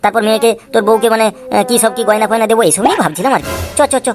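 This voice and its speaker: A sly cartoon father, played by a woman, who sweet-talks his son in a rapid, slightly high patter. Clear music plays behind him throughout. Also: natural voice. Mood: coaxing. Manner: coaxing aloud, cursing in low mutters. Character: scheming father, sweet to son, grumbling aside. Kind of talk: Tweencraft cartoon voice acting.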